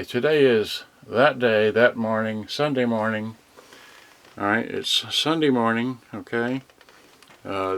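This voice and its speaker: In a gravelly, low-leaning voice, a man wanders through a casual livestream chat while unboxing cassette radios at home in a tight indoor space. His manner is folksy and disorganized, peppered with mumbled remarks to himself.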